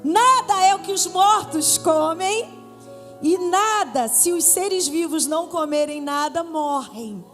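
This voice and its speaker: A woman pastor with a Brazilian accent preaching a Pentecostal sermon, playful with the congregation and rising to shouts. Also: extremely high pitch, animated, slow pace. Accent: Brazilian Portuguese. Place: church hall with live congregation. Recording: church hall reverb with faint music.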